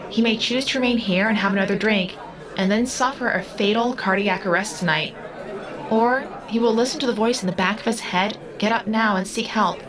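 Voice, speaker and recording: A woman with a mid-range voice performs lightly acted lines in an audio drama, playing a solemn, literal-minded, all-seeing girl under eighteen. The character speaks formally and precisely, while a busy club crowd and music fill the background.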